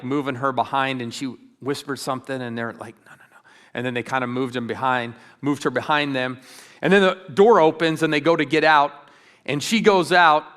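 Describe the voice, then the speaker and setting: A middle-aged man speaks at an even, middle pitch, leading a church training session. He talks earnestly and tells stories, pausing often on ums and restarting his sentences. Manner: earnest, warm storytelling with frequent ums and restarts. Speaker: ministry speaker.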